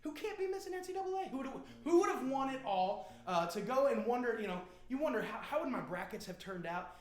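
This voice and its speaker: On a band's live stream, an American host from Indiana jokes and rambles through stories with viewers, full of slang and playfulness. His pitch is extremely high with lively intonation, and he talks a little fast. The audio echoes around the room.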